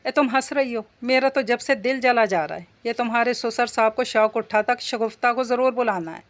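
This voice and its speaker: A woman's voice: fairly high pitch, fairly quick, close to an everyday voice. A woman doing a fussy older mother-in-law. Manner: complaining, gossipy.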